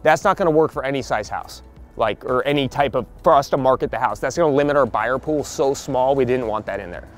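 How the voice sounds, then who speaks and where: With soft music playing behind him, a medium-pitched man leads a group around the porch of a house he's flipping. The real estate investor keeps his on-site explanation casual, plain-spoken and practical, dropping brief asides that quote what others said.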